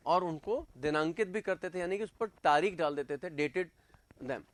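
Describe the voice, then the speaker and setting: A male teacher giving an exam-prep class lecture, dictating notes word by word and pausing on fillers as he explains. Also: fairly high pitch.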